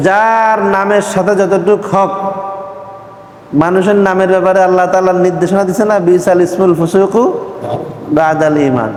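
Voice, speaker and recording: Man, teacher's lecture, high voice, long hall reverb. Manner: questions the audience and asks them to answer. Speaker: Quran teacher trainer. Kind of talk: classroom lecture.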